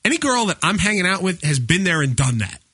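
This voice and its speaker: A man's voice: high-pitched, very animated, fast talker, bright, forceful tone, breathy edge, no echo. A man in his thirties, a radio show co-host, telling blunt stories in crude casual banter, laughing often and padding with fillers. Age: 30s.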